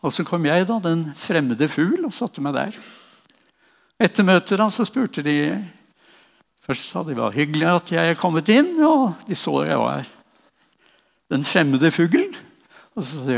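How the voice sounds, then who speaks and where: An older man from Norway tells his testimony and prays in an earnest, unhurried way. His voice sits a touch high and carries a gravelly edge. The sound rings with a long hall reverb. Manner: earnest storytelling, ends in slow prayer. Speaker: preacher. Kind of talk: sermon testimony. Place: church hall.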